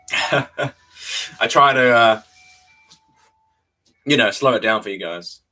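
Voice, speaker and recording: Speaking slowly into a desk webcam, this young Kiwi vlogger chats with viewers on a livestream from a small, bare room. His medium-pitched voice is bright and forceful, and he stays laid-back, chuckling and repeating himself.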